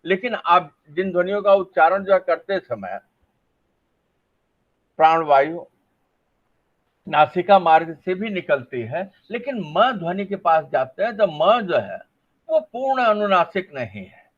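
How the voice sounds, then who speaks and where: Middle-aged male lecturer, high animated delivery, asks questions and answers them himself, dull lo-fi recording. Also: a little slow, pauses often. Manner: demonstrates sounds aloud, asks and answers his own questions. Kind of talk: classroom lecture on phonetics. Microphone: facing a camera.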